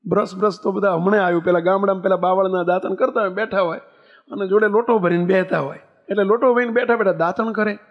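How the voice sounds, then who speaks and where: Male preacher, high voice, devotional storytelling sermon, rhetorical questions. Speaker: spiritual leader giving a discourse.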